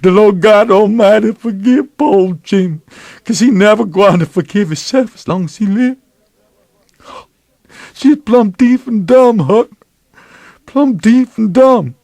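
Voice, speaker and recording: A remorseful father pours out his grief, as a man reads him aloud in a drawling folksy dialect, his voice sinking low and then breaking out loud. The delivery rises and falls widely, and the sound is close and dry. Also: lively intonation, a little slow, pauses often, no echo. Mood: anguished. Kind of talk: dramatic reading of a novel.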